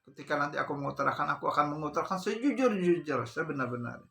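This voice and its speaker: A man voicing a remorseful woman who pleads and confesses in a hushed, halting way. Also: on the high side, vocal fry, faint music behind. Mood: pleading.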